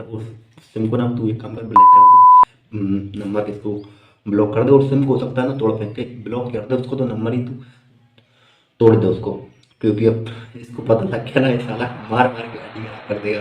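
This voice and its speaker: A man's voice: fairly low pitch, fairly bright tone, reverberant, slight background noise. Amused man telling a comic story. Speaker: stand-up comedian. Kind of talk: storytelling stand-up.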